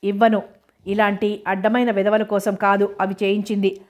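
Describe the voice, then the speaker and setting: A woman's voice: mid-range voice, level tone, moderate pace, a little mellow, natural voice. A woman reading the part of a stern, stubborn middle-aged mother, in an audiobook. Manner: stern, blunt.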